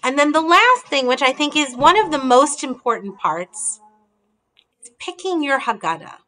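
A woman's voice: high-pitched, sing-song, normal speed, pushed and bright, a little hiss or hum. A woman in her thirties hosting a casual video call from her dining room, explaining and showing books as she talks. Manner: friendly, holds up books while explaining. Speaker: host presenting holiday table ideas. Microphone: video call on laptop camera.

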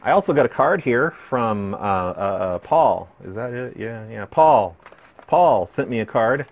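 A man's voice: mid-range voice, expressive, a little slow, a little hiss or hum. A man chatting casually as he opens fan mail, rambling and easily amused, with many restarts. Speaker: vlogger opening fan mail. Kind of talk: casual unboxing chat.

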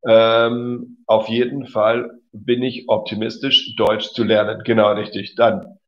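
This fairly low, flat-sounding male voice moves slowly through a German lesson streamed live. He reads out what viewers write and keeps praising them, often saying "genau" and "cool." Sound quality is dull and lo-fi.

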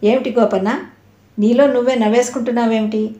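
A woman's voice: a little high, fairly even intonation, fairly quick, warm tone, lightly acted. A woman voicing an older mother who asks caring, curious questions. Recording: roomy echo.

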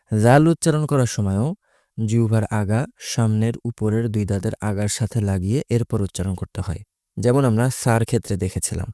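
A man's voice: lowish voice, mellow, no room sound, clean studio sound. A man teaching Quran recitation, explaining Arabic letters patiently and methodically, repeating each letter's sound.

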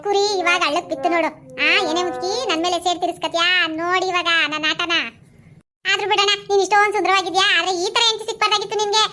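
A sly village woman, played by a woman, coaxes and flatters in a Mandya Kannada accent. Her voice is very high and bright, and she talks fast with quick retorts. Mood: wheedling. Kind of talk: village comedy skit acting.

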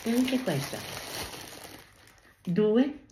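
Older woman, grandmother, effusive, repeats thanks, lively, echoey home recording. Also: on the high side, extremely slow. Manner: sing-song exclamations. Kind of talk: casual home video. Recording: echoey room with faint noise.

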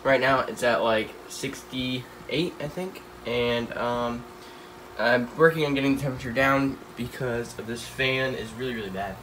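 On a low-quality recording with a little hiss or hum, a teenage pet channel host with a stuffy nose films his tanks at home on a handheld phone. He rambles casually with lots of fillers in a mid-range, fairly bright voice, speaking a little slowly.

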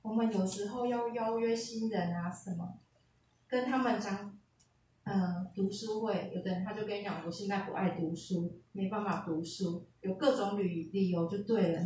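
A woman tells a personal story in a relaxed, chatty way, often acting out what others said. Her voice sits in a middle range. The sound is caught from a distance in a very reverberant lecture hall, with a faint hiss underneath. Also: medium pitch. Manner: retells conversations, switching into quoted dialogue. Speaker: speaker sharing a personal testimony at a seminar. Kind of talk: casual storytelling testimony. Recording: echoey hall picked up from afar, faint hiss.

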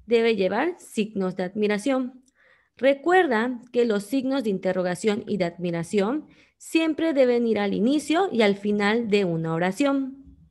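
A woman teaching a simple grammar lesson in a clear, patient way. Her voice sits a little high, and she reads her example sentences with lively emphasis. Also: a little slow.

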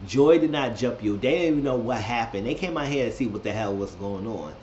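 Animated man recapping drama, roomy sound. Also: mid-range voice, brisk, dull audio, a little hiss or hum. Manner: animated, gossipy, acts out the quotes. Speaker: reality TV reviewer. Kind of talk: casual recap commentary.

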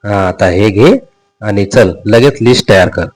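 A man voicing a playful, bossy middle-aged mother who coaxes and teases her son in a brisk manner. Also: on the low side. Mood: teasing. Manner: coaxing, brisk, hushed at times.

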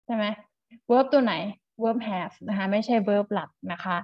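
A woman's voice: medium pitch, measured pace, dry recording, muffled recording. A woman teaching an online English grammar class to primary school children, explaining step by step with polite endings and repeating key words.

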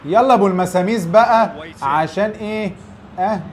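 A man's voice: sits high, brisk. A man with an Egyptian Arabic accent, playing a football video game and bantering with a friend in a teasing, boastful way. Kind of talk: casual gameplay banter.

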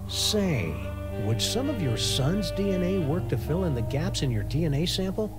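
Cartoon game dog detective, earnest, wordy, folksy, highish voice, swinging intonation. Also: male voice, very animated, moderate pace, over loud music. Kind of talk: cartoon video game acting.

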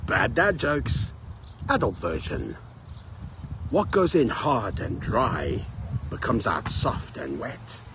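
A man in his forties telling corny jokes to a phone in an exaggerated, drawn-out way, with a corny dad laugh. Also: mid-range voice, huge pitch swings, background noise. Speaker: comedian telling dad jokes on social video. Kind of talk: corny joke telling to camera, slow setup and punchline. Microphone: phone at arm's length.

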